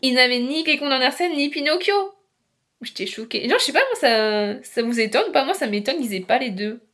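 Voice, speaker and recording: Une jeune femme qui parle de ses livres face caméra, sur un ton décontracté, bavard et décousu, avec beaucoup d'hésitations. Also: female voice, sits high, normal speed, fairly bright tone. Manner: chatty, rambling, many fillers and restarts. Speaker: book vlogger. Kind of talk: casual chat to camera.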